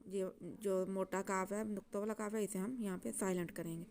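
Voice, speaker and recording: A woman teaching Quran reading, chanting letters and syllables slowly, then explaining the rules in quick soft asides. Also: mid-range voice, fairly even intonation.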